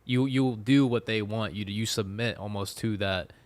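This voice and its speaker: A man's voice: on the low side, normal speed. A man talking earnestly about faith and relationships in casual chat, rambling with many fillers. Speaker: podcast guest.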